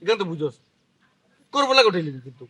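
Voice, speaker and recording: A boastful young husband, played by a man, insisting on his city ways in a comic regional drama. His voice is high, lively and quick. It sounds dry and close. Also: slightly rough, no echo, full character voice. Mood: insistent.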